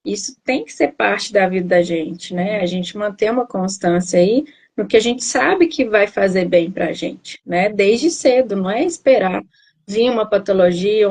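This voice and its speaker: A woman's voice: medium pitch, animated, measured pace, a little mellow. Brazilian woman nutritionist explaining patiently. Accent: Brazilian Portuguese. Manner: explanatory, many tag questions and restarts. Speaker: nutritionist guest. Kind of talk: casual live interview. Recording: video call.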